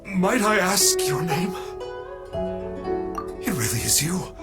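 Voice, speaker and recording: A man's voice: sits high, sing-song, slow, full character voice. An actor voicing a pompous but cowardly male trickster in a video game, with theatrical, archaic speech over background music. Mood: awed, earnest. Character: pompous self-styled adept trickster, cowardly when caught, man.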